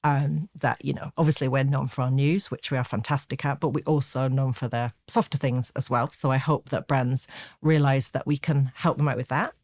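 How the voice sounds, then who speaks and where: A woman's voice: extremely low pitch, steady tone, normal speed, a little mellow, no echo. Upbeat woman, dry close sound. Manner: chatty and upbeat, many fillers and asides. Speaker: guest, advertising executive. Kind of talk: casual podcast interview.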